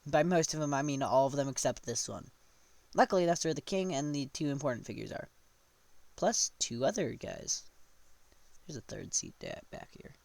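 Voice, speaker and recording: A man's voice: mid-range voice, huge pitch swings, normal speed, gravelly, a little mellow, no echo. A man casually retelling a tabletop game session, rambling and often correcting himself mid-sentence. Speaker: storyteller.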